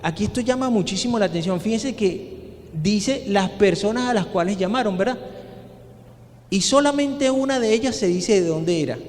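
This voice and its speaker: A man's voice: high voice, expressive, moderate pace, darkish tone. A male pastor giving an earnest sermon full of rhetorical questions. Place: church hall. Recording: long hall reverb.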